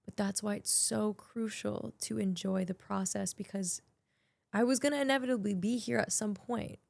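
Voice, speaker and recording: A young woman hosts her podcast alone, speaking in a casual, heartfelt ramble. Her voice has a gravelly, fry-laden edge and stays mid-pitched for a woman. The sound is close and dry, with no room echo. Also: steady tone, normal speed, a little mellow. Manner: chatty, emotional, many filler likes. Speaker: podcast host. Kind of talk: casual reflective monologue. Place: small podcast studio.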